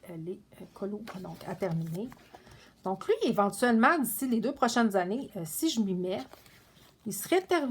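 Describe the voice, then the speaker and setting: A woman's voice: mid-range voice, a little mellow, a little hiss or hum. Chatty woman with loose, meandering speech. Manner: chatty, meandering, many fillers and restarts. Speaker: coloring book vlogger. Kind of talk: casual show-and-tell vlog.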